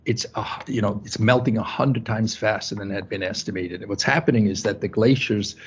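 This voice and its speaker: A man's voice: fairly low pitch, brisk, breathy edge. A man from Switzerland with a Swiss accent, presenting a conference talk in a conversational way, often checking in with "right?". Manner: conversational, many restarts, asks "right?". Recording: muffled lo-fi recording.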